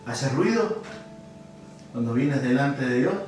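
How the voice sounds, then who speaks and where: A man with a Cordoban Argentine accent preaches a sermon with lively storytelling, jokes for his listeners and sudden shouted lines. He is heard from a distance in a very echoey hall. Faint music sits behind his voice. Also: medium pitch, takes it slowly. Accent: Cordoban Argentine Spanish. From Córdoba, Argentina. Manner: animated storyteller, jokes with the congregation, bursts into shouts.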